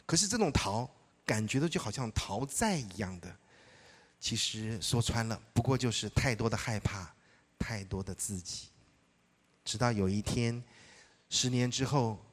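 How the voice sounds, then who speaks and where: A middle-aged male pastor preaching a sermon, telling personal stories in a lively way, acting out dialogue and often laughing. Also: on the low side.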